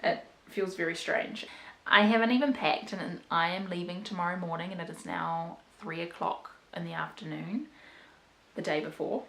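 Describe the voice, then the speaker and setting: Her voice sits lowish and creaky with a sharp edge, fairly even in intonation and moderate in pace, with reverb from the room. She's a New Zealand woman in her twenties vlogging casually from her bedroom, rambling candidly and making fun of herself.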